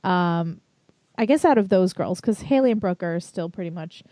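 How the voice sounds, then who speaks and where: Easygoing woman with a mellow, dry voice. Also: fairly low pitch, animated, normal speed, no room sound. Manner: easygoing, asks the others' opinions. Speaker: podcast co-host. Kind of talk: casual chat recapping a TV show.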